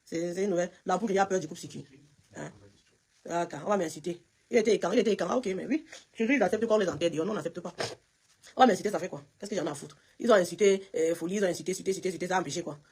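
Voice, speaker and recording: A woman's voice: fairly low pitch, very fast, darkish tone, husky. A woman from Cameroon with a Cameroonian French accent, chatting emphatically on a live stream and talking straight to viewers by name. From Cameroon, West region. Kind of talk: casual live-stream chat answering viewers.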